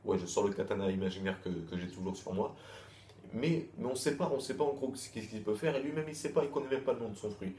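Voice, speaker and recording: A man's voice: lowish voice, fast talker, dark tone, reverberant, slight background noise. A young man giving a casual, candid manga review, often repeating words as he thinks.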